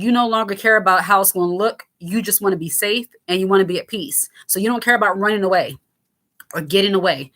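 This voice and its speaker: In her thirties and hosting a laid-back comment-response commentary, she has a raspy, fairly low voice that sounds a bit bright. She's candid and lighthearted, with plenty of fillers and restarts.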